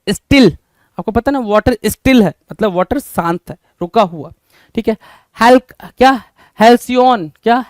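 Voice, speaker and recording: A man's voice: high voice, clear, resonant tone, dry recording. A man teaching an exam-prep vocabulary lesson, repeating each question back to his students.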